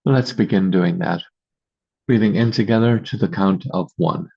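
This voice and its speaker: A low, gravelly, slightly rough male voice guides a meditation as host, speaking slowly and calmly in brief, measured phrases with long silences between them. It's captured over a video call with dull, lo-fi sound.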